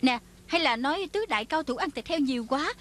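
A sharp-tongued female film director in a TV drama. She talks fast and bossily in a high voice. Light music sits behind her. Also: lively intonation. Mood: brisk. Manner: quick and bossy. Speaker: dub actor. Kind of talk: Vietnamese dub of a TV drama.

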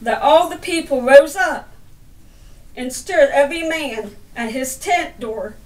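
A middle-aged woman, a lay preacher, reads scripture from the Bible as a sermon in a high voice, speaking in deliberate, broken phrases and stumbling over words. She's in an indoor room by a window, captured by a camera set a little way off, so the sound is roomy and distant.

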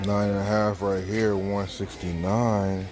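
A man's voice: on the low side, little pitch movement, unhurried, a crowd in the background. A man in his thirties chatting casually to viewers while browsing a large store, filming on a handheld phone. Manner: casual, chatty, thinking aloud. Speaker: reselling vlogger. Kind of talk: casual shopping vlog. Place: large retail store, indoors.

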